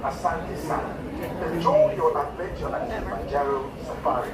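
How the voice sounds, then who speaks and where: A ride safety announcer delivering a prerecorded announcement over an outdoor loudspeaker, with clear, lively enunciation. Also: mid-range voice, normal speed. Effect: outdoor loudspeaker playback. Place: outdoor ride boarding area. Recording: echoey loudspeaker from far off, crowd chatter.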